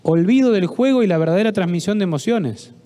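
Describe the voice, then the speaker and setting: A middle-aged Argentine psychologist giving a talk at a parish, telling stories, acting out the dialogue and asking the audience questions. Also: male voice, high-pitched, animated, fast talker, dark tone. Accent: Argentine Spanish. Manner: storytelling, acts out dialogue, asks audience questions. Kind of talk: conference talk with anecdotes. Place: parish hall.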